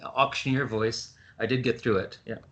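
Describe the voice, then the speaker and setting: A male physician giving a webinar talk over a video call, explaining briskly with frequent ums and restarts. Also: medium pitch, fairly even intonation, fairly bright tone. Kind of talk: webinar presentation.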